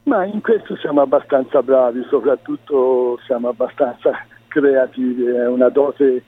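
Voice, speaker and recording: A man, a guest on the phone, answering in a measured, deliberate way with some hesitations. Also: medium pitch. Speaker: contrada prior, phone-in guest. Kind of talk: radio phone interview. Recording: husky voice over a narrow phone line.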